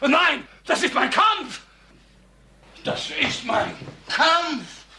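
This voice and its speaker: Shrill, shouty German officer. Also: male voice, big pitch swings, drawn-out words, exaggerated voice. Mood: barking, fanatical. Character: shouty, rigid German officer barking bans. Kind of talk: broad film farce acting. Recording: noisy, echoing film soundtrack.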